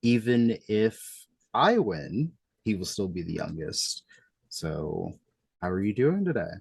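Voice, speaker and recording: A man's voice: lowish voice, very animated, slow pace, creaky, husky, no echo. A young man in his twenties hosting a casual interview over a video call, chatty and rambling with restarts. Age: young adult. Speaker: host. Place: small room at home.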